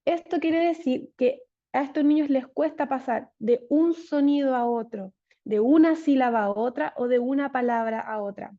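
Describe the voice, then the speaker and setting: A woman speech therapist giving an online lecture, explaining things clearly and steadily. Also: fairly high pitch, dark tone, lo-fi sound. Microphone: video call.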